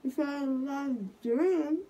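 A woman's voice: sits high, steady tone, extremely slow, mellow. A young woman chatting casually while groggy from anesthesia, her speech muffled by a numb mouth. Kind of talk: casual chat. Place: living-room armchair, later inside a car. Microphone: phone held nearby. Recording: noisy handheld phone recording.

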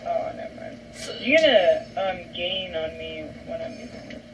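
Brief: male co-player, extremely high voice, casual and boastful, heard far off over loud noise. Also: lively intonation, normal speed, highs cut off. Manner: casual, boastful, mutters callouts. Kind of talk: casual gameplay chat. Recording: distant mic with loud background noise.

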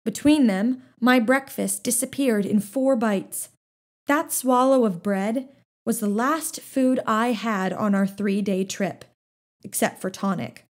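A woman narrating a children's novel in the first person with a steady, gently expressive reading. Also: fairly high pitch, slow. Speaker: audiobook narrator.

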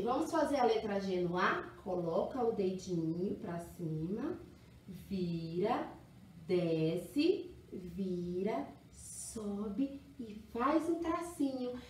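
A woman's voice: fairly high pitch, lively intonation, slow, darkish tone, a little hiss or hum. A woman teaching young children letters in an exaggerated, singsong, encouraging way. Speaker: kindergarten teacher. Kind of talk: children's phonics lesson. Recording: echoey room, mic at a distance.

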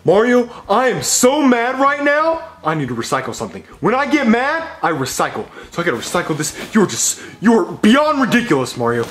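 A man's voice: huge pitch swings, fairly quick, few pauses, a bit bright, heavily acted. A man voicing a greedy, blustering middle-aged landlord in a comedy puppet show, pompous and mock-menacing. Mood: scolding. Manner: pompous, mock-menacing, swings between high and low. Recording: echoey room.

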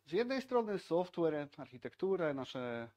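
A man's voice: fairly high pitch, very animated, measured pace, darkish tone, muffled recording. A man in his thirties giving a casual talk at a tech meetup, chatty and conversational, full of fillers and tag questions. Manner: conversational, frequent filler "tak?" and "e". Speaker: software team speaker at a tech meetup. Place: meetup room in front of projected slides.

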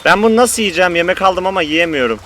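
A man giving profane, excitable gameplay commentary to his viewers as a streamer. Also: high-pitched, fast talker, a little hiss or hum.

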